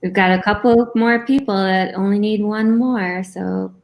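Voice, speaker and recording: A woman's voice: mid-range voice, steady tone, a little slow, gravelly, a little mellow. A woman co-hosting a live online bingo event, chatting casually with players and her partner.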